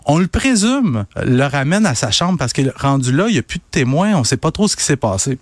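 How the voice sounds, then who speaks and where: A man with a Quebec French accent, a crime news columnist recounting a story in lively radio chat. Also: fairly high pitch, a little fast, no room sound. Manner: animated, chatty storytelling.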